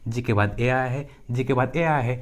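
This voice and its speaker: In this pronunciation lesson, a young male English teacher speaks at a moderate pace in a medium-pitched voice. He repeats each rule and example word and answers his own questions.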